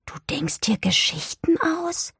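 A woman's voice: fairly high pitch, expressive, measured pace, vocal fry, dark tone, breathy edge, no echo, clean studio sound, pitched above the performer's own voice, heavily acted. Woman doing an awed timid schoolgirl. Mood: amazed. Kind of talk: storybook audiobook reading.

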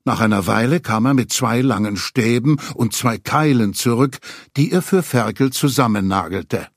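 A man reading a children's story aloud, expressive storyteller. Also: medium pitch, normal speed, no echo, studio quality. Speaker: narrator.

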